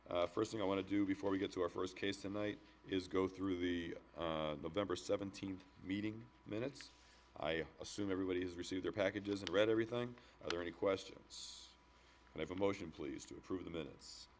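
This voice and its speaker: A man's voice: deep voice, fairly even intonation, brisk, slight background noise. An American man chairing a formal public meeting in a plain, businesslike way, with the sore throat of someone getting over a cold. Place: village board meeting room, on microphone.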